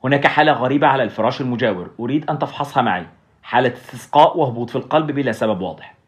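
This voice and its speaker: A man's voice: mid-range voice, expressive, racing, close to an everyday voice. A man reading as a red-faced, businesslike doctor. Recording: dull lo-fi recording.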